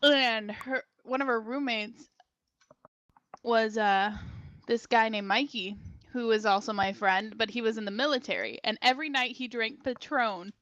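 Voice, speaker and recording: A young woman in her twenties, a podcast guest, telling a drunken party story in a casual, animated way, swearing and laughing as she acts out what people said. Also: a little high, measured pace, dry recording, lo-fi sound.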